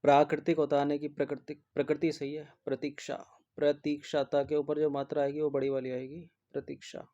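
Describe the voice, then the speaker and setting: Hindi exam tutor, dark, lo-fi. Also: male voice, on the high side, completely flat delivery, a little fast. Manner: repeats each word over and over and checks in with a constant "theek hai". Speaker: exam prep teacher. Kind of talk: spelling lesson, explaining answers. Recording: dull lo-fi recording.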